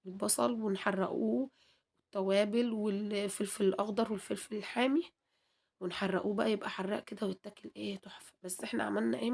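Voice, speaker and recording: Hoarse from a cold, a woman with an Egyptian Arabic accent chats to viewers while cooking in her home kitchen for a vlog, adding long prayers along the way. Her voice is medium-pitched with a somewhat dark tone.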